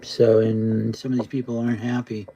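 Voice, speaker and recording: A man with a very dark, husky voice chats to a livestream in a laid-back stoner drawl. He rambles and repeats himself, keeping a flat, gravelly tone throughout. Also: on the low side, moderate pace, low-quality recording. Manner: repetitive, rambling. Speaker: live streamer. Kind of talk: casual rambling livestream chat.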